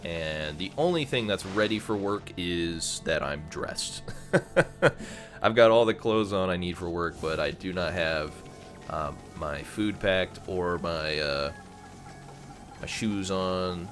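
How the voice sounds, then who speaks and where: A man's voice: low voice, takes it slowly, fairly bright tone. A man streaming a video game, giving casual, rambling, self-deprecating commentary. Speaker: gaming streamer. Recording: game music in background.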